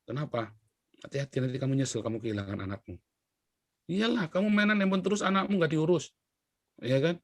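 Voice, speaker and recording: A middle-aged man from Indonesia, a pastor preaching in a chatty, storytelling way, swinging between loud emphasis and quiet asides. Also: fairly high pitch, fairly quick, long pauses, no room sound. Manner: chatty and anecdotal, with sudden rises and drops in volume. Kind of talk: sermon.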